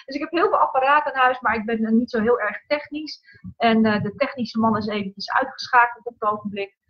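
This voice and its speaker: A woman hosting a casual live stream from home, her voice pitched a little high. She talks haltingly, stopping and restarting with lots of fillers. The sound is dull and lo-fi, picked up by a laptop mic. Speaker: livestream host, coach.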